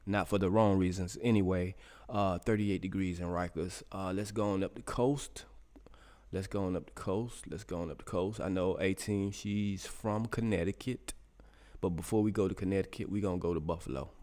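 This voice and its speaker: A man's voice: sits low, fairly even intonation, moderate pace, dark tone. A middle-aged man hosting a casual live radio stream, reading out weather for listeners in the chat, loose and joking, talking to himself as he searches.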